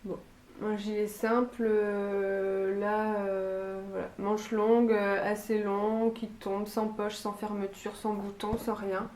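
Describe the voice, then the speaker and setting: A woman's voice: medium pitch, flat delivery, slow pace, a little mellow, roomy sound, slight background noise. A woman with a Lille accent chatting casually to camera about her sewing projects, hesitant and full of fillers and restarts, at home. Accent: Lille, northern France. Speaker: sewing and knitting vlogger. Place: room at home with a bay window.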